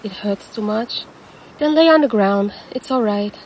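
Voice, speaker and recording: A woman's voice: medium pitch, unhurried, darkish tone, a little hiss or hum, natural voice, poor audio. A woman voicing a predatory female siren who poses as a lifeguard and teases the listener in an audio roleplay. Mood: concerned, puzzled. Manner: teasing, calls the listener handsome.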